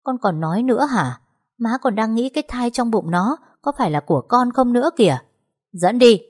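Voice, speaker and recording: A woman's voice: on the low side, animated, moderate pace, darkish tone. A woman voicing a domineering older mother-in-law, scolding sharply.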